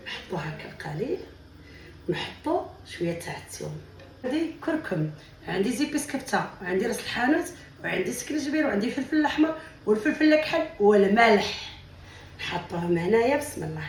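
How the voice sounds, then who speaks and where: A woman's voice: medium pitch, a little hiss or hum. A woman demonstrating a recipe in her home kitchen, chatty and affectionate, calling her viewers sisters as she cooks. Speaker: cooking vlogger. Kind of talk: cooking demonstration vlog. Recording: echoey room, mic at a distance.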